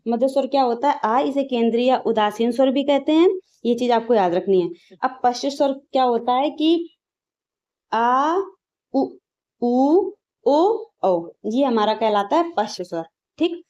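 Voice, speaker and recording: A woman's voice: on the high side, moderate pace, dark tone. A woman teaching grammar for exam prep, checking in with "ठीक है" after points and asking then answering her own questions. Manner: repeats "ठीक है" as a check-in, drills sounds aloud; asks questions and answers them herself. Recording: slightly dull lo-fi audio.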